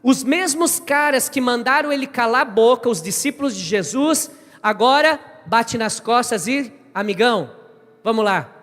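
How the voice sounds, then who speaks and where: A male pastor preaching a lively sermon, acting out scenes and voices and rising to shouts at the peaks. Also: very high voice, normal speed, big-room sound, faint music behind. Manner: fervent, acts out biblical dialogue, shouts climaxes. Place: church service.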